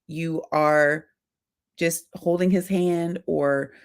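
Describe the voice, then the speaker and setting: A middle-aged woman with a gravelly, low voice gives marriage advice to wives in a casual talk. She speaks directly and animatedly, slipping into little acted-out exchanges between spouses. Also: fairly even intonation, very slow. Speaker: marriage coach and host.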